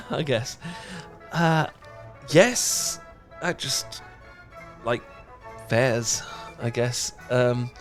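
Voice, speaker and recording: A young British man with a mid-range voice plays an awkward, flustered, dorky character in a romantic audio roleplay, fully in character. He rambles in a stammering, halting, apologetic way, sounding awkward and embarrassed.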